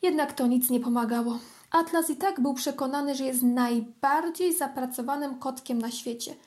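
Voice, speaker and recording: A woman reads a children's storybook aloud with a high voice. Her reading is gentle and expressive, paced for young listeners. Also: moderate pace.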